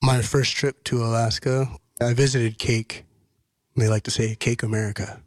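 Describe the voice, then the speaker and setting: A man in his thirties from Washington state, a podcast guest who tells his story in an earnest, measured way. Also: medium pitch, level tone, no echo, clean studio sound. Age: 30s. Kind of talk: casual podcast conversation.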